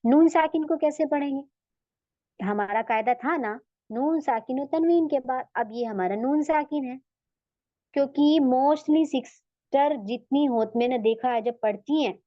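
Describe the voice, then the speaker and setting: A woman with a fairly high voice teaches Quran recitation in an online lesson. She explains rules patiently and drawls out the Arabic words again and again. The sound is dull and lo-fi, dry with no room echo.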